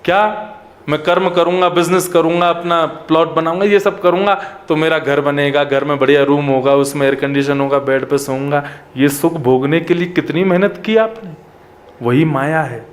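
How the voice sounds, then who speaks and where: A man's voice: fairly high pitch, fairly even intonation, moderate pace. A man preaching a devotional sermon, emphatic, with wide swings between raised and dropped phrases. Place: religious gathering at a pilgrimage site.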